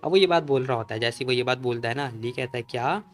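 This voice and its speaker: A man narrating a comic story recap in a rapid, chatty retelling. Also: medium pitch.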